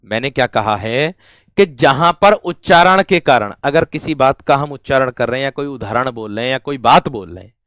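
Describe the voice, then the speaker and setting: A man's voice: medium pitch, lively intonation, normal speed, a bit bright, no room sound, studio quality. A man teaching a grammar lesson to students, repeating each phrase again and again and calling them his friends and brave ones. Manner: repetitive, drills each phrase over and over. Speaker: Hindi teacher.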